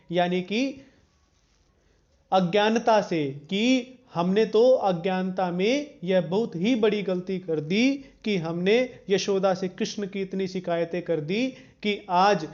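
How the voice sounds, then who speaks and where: A man explaining devotional poetry line by line, restating each word's meaning and pausing with frequent fillers. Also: high-pitched, darkish tone, muffled recording. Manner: repeats glosses and restates each phrase, frequent "uh" pauses. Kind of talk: slow line-by-line explanation of verses.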